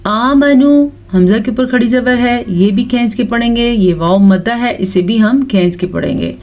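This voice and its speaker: A woman teaching Quran recitation rules step by step, explaining each letter and then reciting the phrases slowly and drawn out. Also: a little high, mellow.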